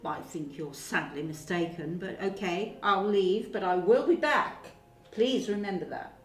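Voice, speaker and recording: A woman's voice: mid-range voice, measured pace. Haughty woman role-playing a tabletop character. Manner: haughty, imperious. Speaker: player. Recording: roomy, distant mic, music.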